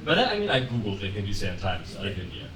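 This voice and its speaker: A young man doing a conversational, deadpan stand-up set on a comedy club stage, laughing lightly at his own lines. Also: fairly low pitch, quick pace, background noise. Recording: roomy club sound from a distance, with audience laughter. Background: audience laughing.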